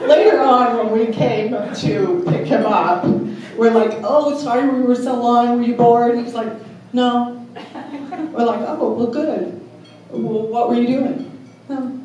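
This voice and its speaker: Slow-talking woman telling stories in an echoey hall. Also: on the high side, darkish tone, a little hiss or hum. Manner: chatty storyteller, joke-telling. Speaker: family member giving a tribute. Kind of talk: anecdotal memorial speech. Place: memorial gathering in a large room. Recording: very echoey hall, mic far off.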